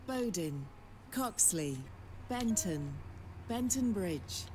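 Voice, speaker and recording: A woman's recorded voice as an automated train announcer, with each word spliced in as a separate clip and read out in a flat, evenly spaced way. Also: mid-range voice, drawn-out words, very noisy. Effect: spliced-together recorded words, each station name a separate clip. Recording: game audio over crowd murmur.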